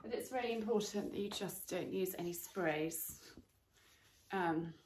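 On the low side and unhurried, with a darkish tone, a woman in her forties talks her way through cleaning at home in a friendly, filler-filled manner while working. The sunlit garden room gives the recording an echo, along with faint noise.

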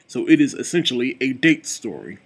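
A man giving a casual, chatty movie review, with a relaxed delivery full of fillers like "like" and "you know.". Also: mid-range voice, a little fast, breathy edge. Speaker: film reviewer.

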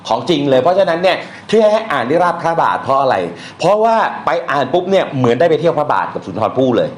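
Fast and animated, this man's somewhat high voice runs through an informal Thai poetry lecture full of slang, crude language, and recited verses. The recording has a faint hiss and plenty of room echo.

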